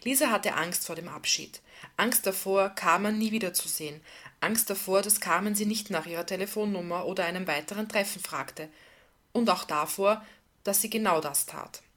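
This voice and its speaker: A woman reading a novel aloud in calm, intimate scripted narration. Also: mid-range voice, normal speed. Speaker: audiobook narrator.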